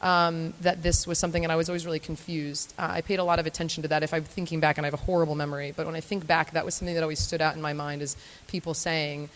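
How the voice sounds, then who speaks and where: A woman's voice: low voice, little pitch movement, rapid-fire, hardly any pauses, slight background noise. A young woman from Florida giving a chatty, self-deprecating live talk to an audience, with frequent filler ums. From Florida, United States. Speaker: guest speaker at a morning talk event. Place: event hall before a live audience. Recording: long hall reverb.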